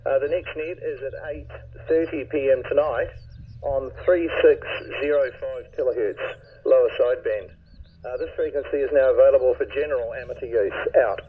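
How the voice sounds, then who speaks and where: A man running a radio net, heard over a ham radio receiver, using steady, formal on-air phrasing with frequent "uh" fillers. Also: mid-range voice, normal speed. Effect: heard over a ham radio receiver, tinny and thin. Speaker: net controller. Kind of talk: radio net procedure, calling stations. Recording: tinny ham radio audio with faint hiss.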